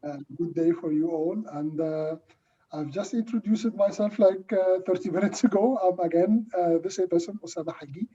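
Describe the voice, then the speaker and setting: Dark, husky man, muffled call audio. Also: sits high, far from the mic. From Egypt. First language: Arabic. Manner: halting, repeating words and restarting. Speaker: panelist. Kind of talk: panel discussion.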